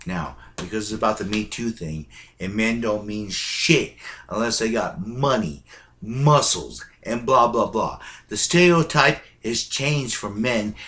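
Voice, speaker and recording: A man's voice: medium pitch, bright, forceful tone. A man ranting bluntly to his viewers, swearing heavily and hammering his points with emphatic bursts. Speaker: vlogger. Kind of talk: profane ranting monologue.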